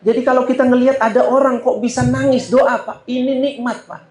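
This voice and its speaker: A man's voice: very high-pitched, fairly even intonation, a little fast, darkish tone. A man preaching a sermon to a congregation, telling a story and often addressing listeners directly. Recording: roomy echo.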